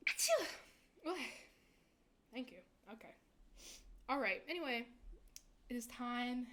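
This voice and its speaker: A woman's voice: fairly high pitch, a little slow, fairly bright tone. A young woman VTuber chatting casually with her stream viewers, rambling and giggling often.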